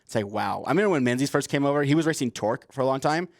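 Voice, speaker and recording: A man's voice: mid-range voice, animated, very fast, no echo, studio quality. A young man co-hosting a casual podcast, laid-back and full of slang. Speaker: co-host.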